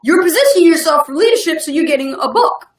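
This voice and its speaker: A woman's voice: very high-pitched, expressive, quick pace, roomy sound. A woman co-hosting a live online business webinar, talking in an upbeat, emphatic motivational way and laughing often. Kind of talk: casual motivational talk.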